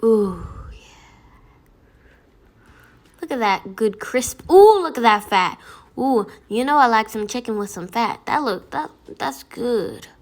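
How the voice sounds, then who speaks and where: Excited lady doing a casual food vlog voiceover, high n swingy voice, music playing behind. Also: measured pace. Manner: excitable, exclaiming and gushing over food. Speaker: food review vlogger.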